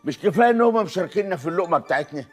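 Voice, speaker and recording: A man's voice: high-pitched, animated, very fast, faint music behind. An actor with an Egyptian accent playing an indignant, pompous male schoolteacher in a comedy TV series. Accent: Egyptian Arabic.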